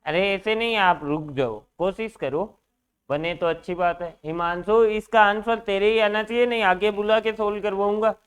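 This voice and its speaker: A male teacher with a Rajasthani accent runs a lively class, bantering and teasing students between problems. His voice sits high and rings smooth and clear. He talks in a classroom full of students. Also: moderate pace. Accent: Rajasthani Hindi. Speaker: reasoning teacher.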